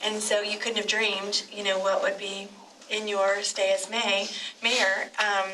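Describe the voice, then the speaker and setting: A woman's voice: mid-range voice, little pitch movement. Emotional woman commissioner, distant noisy mic. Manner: halting and digressive, many restarts. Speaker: city commissioner. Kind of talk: unscripted tribute speech at a public meeting. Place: city commission chamber. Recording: distant mic with clear room noise.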